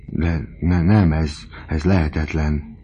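A man's voice: rumbling low, fairly even intonation, dark tone, husky, muffled recording. A man voicing a doting, fiery old father in a story reading, talking with strong emotion. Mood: agitated. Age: older.

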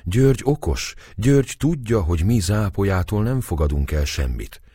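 A man voicing a gentle noblewoman who soothes and placates her husband. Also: fairly low pitch, lively intonation, husky, no room sound, clean studio sound, pitched above the performer's own voice. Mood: soothing. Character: calming middle-aged noblewoman, gentle wife.

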